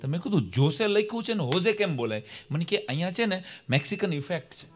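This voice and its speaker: A man telling comic stories on a live stage, acting out dialogue in lively voices. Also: high-pitched, quick pace, soft background music. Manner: animated, acts out dialogues, bursts of laughter. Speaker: stand-up comedian and storyteller. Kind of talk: live stage comedy storytelling.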